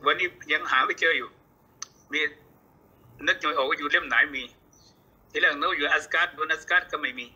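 A man gives a religious book lecture in a high, very bright and husky voice. He explains each point, goes back over it, and quotes Arabic texts along the way. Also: brisk, pauses often, dull audio. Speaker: religious teacher.

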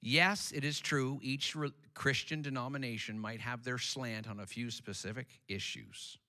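A man's voice: medium pitch, steady tone, normal speed, pushed and bright. A man preaching a sermon as pastor, emphatic and repetitive, calling on the congregation to respond, in a church sanctuary.

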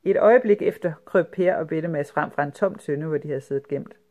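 Storybook narrator, calm, even, mid-pitched. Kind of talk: storybook reading aloud.

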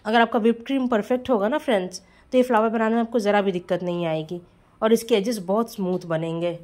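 A woman's voice: medium pitch, fairly even intonation, fast talker, darkish tone. A woman home baker giving a casual voice-over tutorial on cake decorating, chatty and friendly, often calling her viewers friends.

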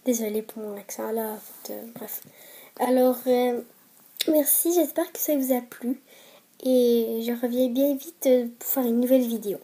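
A woman's voice: a little high, fairly even intonation, normal speed, dark tone. A woman with a Québécois French accent chatting through casual film reviews, hesitant with many fillers but enthusiastic.

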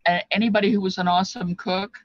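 Presenting feast dishes, an older woman beyond her fifties talks fast in a steady, mid-range voice. Crowd noise is audible and the highs are cut off, with a webcam at desk distance capturing her in a small, cluttered indoor craft room. She speaks informally and reflectively, rambling with bits of reminiscence.

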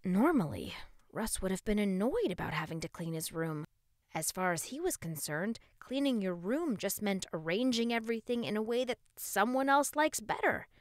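A woman narrating a children's storybook in a playful, expressive way, with asides to the listener. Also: mid-range voice, moderate pace, no echo, clean studio sound.

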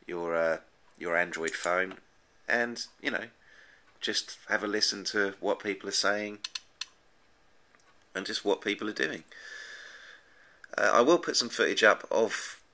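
Off screen at an indoor desk, a man gives a casual, unscripted review of an app, rambling hesitantly and often repeating himself. His voice is on the low side, bright and forceful, at a measured pace.

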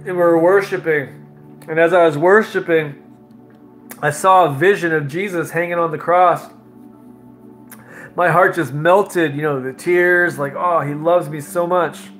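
Male preacher, high voice, emotional testimony, laughs a lot, light music bed. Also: measured pace, pauses often. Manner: laughing often, animated and emotional. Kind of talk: live-stream sermon with personal testimony.

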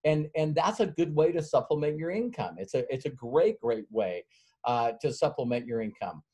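A man's voice: on the high side, animated, moderate pace, dark tone, slightly rough. A middle-aged man giving a motivational sales workshop as a guest speaker, telling a rambling story with many fillers and frequent chuckles.

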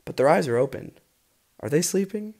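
A man's voice: on the high side, animated, fairly quick, darkish tone. A man giving scripted documentary narration for kids, friendly and asking the listener questions.

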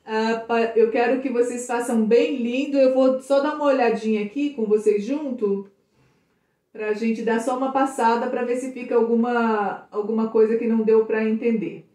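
A woman teacher with a Brazilian accent giving an online English lesson to children, reading lines aloud and translating them warmly. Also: fairly high pitch, fairly even intonation. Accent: Brazilian Portuguese. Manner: affectionate, slow and drawn out, reads English lines then translates. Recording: echoey room.

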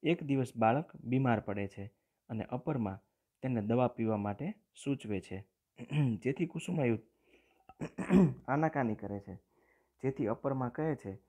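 A man with a Gujarati accent teaching a lesson, reading a story aloud and then explaining it plainly, often clearing his throat. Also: mid-range voice, warm tone.

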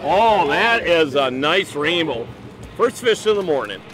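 High, lively whooping fishing host. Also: male voice, unhurried, rough recording. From Wisconsin. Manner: loud, whooping and teasing. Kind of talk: excited on-boat fishing chatter. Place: open charter boat on a big lake.

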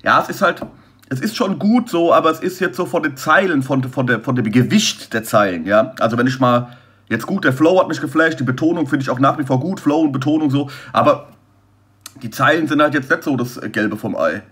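A man's voice: medium pitch, brisk, fairly bright tone. A man hosting a casual reaction commentary, rambling and joking as he judges rap flows, often restarting his sentences. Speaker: host reacting to rap battle entries.

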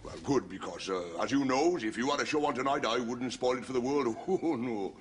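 An actor playing a scheming Welsh army sergeant major in a TV sitcom, who chuckles and calls the men lovely boys. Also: male voice, medium pitch, brisk, lightly acted. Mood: mock-friendly. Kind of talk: 1970s TV sitcom acting.

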